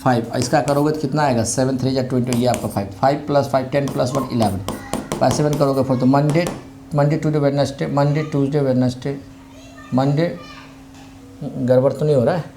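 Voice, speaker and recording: A man's voice: mid-range voice, steady tone, normal speed, mellow, a little hiss or hum. A man teaching an online exam-prep lesson in a chatty, conversational way, mixing English words into his Hindi and repeating tag phrases.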